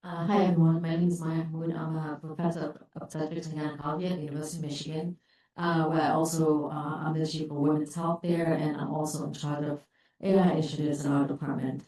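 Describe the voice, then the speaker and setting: Middle-aged woman, low voice, candid, echoey hall. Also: flat delivery, quick pace, warm tone. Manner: conversational, candid. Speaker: professor of obstetrics. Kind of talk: panel introduction. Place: conference hall.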